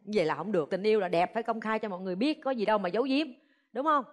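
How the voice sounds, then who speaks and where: A woman with a Southern Vietnamese accent hosting a dating show, teasing and expressive in her banter. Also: mid-range voice, racing. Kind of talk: lively matchmaking banter. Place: TV studio stage with audience. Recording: reverberant studio hall, faint noise.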